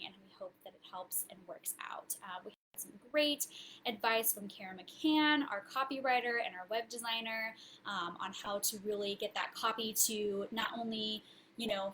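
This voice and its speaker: A woman's voice: a little high, a bit bright, a little hiss or hum, low-quality recording. Bubbly woman hosting a live stream. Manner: bubbly, chatty, many fillers. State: slightly out of breath. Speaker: host. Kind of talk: casual live-stream marketing tips. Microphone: webcam on a social media live stream.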